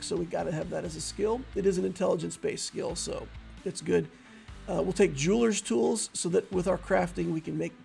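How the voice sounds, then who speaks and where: A man explaining a tabletop role-playing character build in a casual, relaxed, conversational way, with frequent fillers. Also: high voice, gravelly. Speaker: tabletop game build creator.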